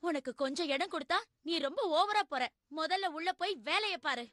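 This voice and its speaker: A strict, nagging cartoon mom. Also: female voice, very high-pitched, fairly quick, fairly bright tone. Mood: scolding. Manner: scolding, firm. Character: strict cartoon mother, nagging but loving. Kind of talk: animated cartoon dub acting. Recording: faint background music.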